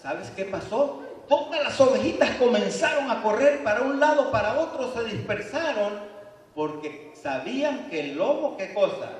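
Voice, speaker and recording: A man's voice: very high voice, lively intonation, normal speed, far from the mic, a little hiss or hum. A man preaching a sermon as pastor, playful and full of rhetorical questions, heard in a church. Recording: echoey church hall from afar.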